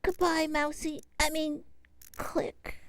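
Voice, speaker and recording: A woman's voice: sits high, level tone, slow, no room sound. A woman voicing a sweet, theatrical little girl lion cub in a puppet TV show. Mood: dramatic. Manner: theatrical, doting.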